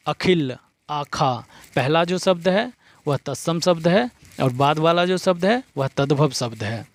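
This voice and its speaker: A man giving an exam-prep vocabulary lesson, reading out word pairs one by one in a steady drilling rhythm. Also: a little high, no room sound. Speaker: teacher.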